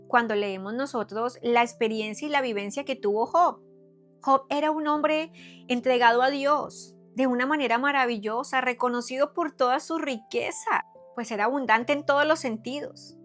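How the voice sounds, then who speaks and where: Speaking with a Colombian accent from Cali, a middle-aged psychotherapist shares her personal testimony in a devotional talk for followers. Her slightly high, bright-ish voice carries an emphatic, earnest tone, full of rhetorical questions and repetition.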